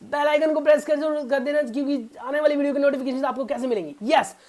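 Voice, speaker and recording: A man's voice: very high voice, fairly even intonation, fast, a little mellow. A man teaching a spoken English grammar lesson to beginners. He keeps quizzing his viewers with repeated questions and talks to them in a fatherly way. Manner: fatherly, calls viewers son.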